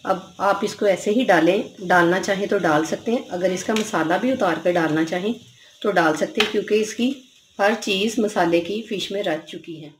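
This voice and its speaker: A woman hosting a cooking channel, calmly explaining each step of a home recipe from her kitchen. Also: mid-range voice, normal speed, a little hiss or hum.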